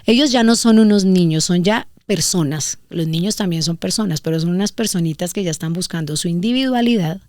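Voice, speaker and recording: Animated Valle Colombian woman giving parenting advice. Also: on the low side, a little fast, few pauses, no room sound. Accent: Valle del Cauca Colombian. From Colombia, Valle del Cauca. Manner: animated, acts out examples in voices. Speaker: guest parenting expert. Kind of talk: casual advice conversation.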